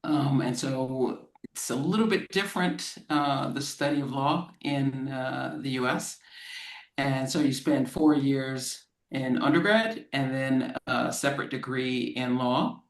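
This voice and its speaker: An American woman from Florida, a lawyer speaking as a guest and explaining things slowly and plainly for English learners over a video call. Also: rumbling low, roomy sound, rough recording. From Florida, United States. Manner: measured, explains terms plainly.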